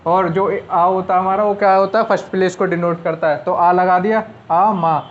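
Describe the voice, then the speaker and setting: High-voiced man teaching shorthand. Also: steady tone, moderate pace. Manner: talks while writing on a board, repeats and explains step by step. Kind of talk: casual classroom lesson. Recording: slightly dull, lo-fi sound.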